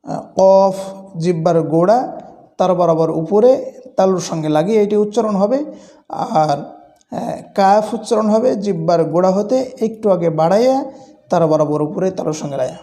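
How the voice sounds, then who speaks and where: A man teaching the pronunciation of Arabic letters in a slow, deliberate lesson, drawing out each letter sound as an example. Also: sits high, warm tone. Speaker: Quran recitation teacher. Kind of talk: instructional lesson.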